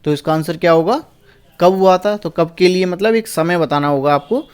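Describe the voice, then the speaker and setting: Higher-voiced man teaching exam answers. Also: a little mellow, smooth. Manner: asks a question, then answers it himself; reads English lines slowly, word by word. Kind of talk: exam paper walkthrough lesson.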